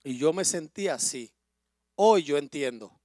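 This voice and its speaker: Impassioned middle-aged pastor. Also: male voice, a little high, expressive, measured pace, no echo, clean studio sound. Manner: emotional storytelling that builds to impassioned loud preaching. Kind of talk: sermon.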